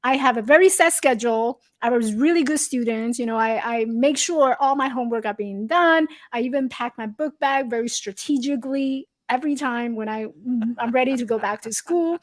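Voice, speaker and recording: High-voiced woman from Taiwan, lively guest. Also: moderate pace, few pauses. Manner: animated, laughs often, simple non-native grammar. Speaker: podcast guest, storyteller. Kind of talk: casual interview chat.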